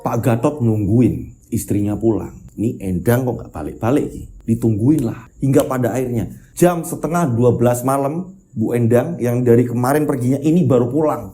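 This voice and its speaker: A man hosting and narrating a dramatic true story, with an animated telling punctuated with spoken sound effects. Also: mid-range voice, normal speed, hardly any pauses, soft background music. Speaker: storyteller host.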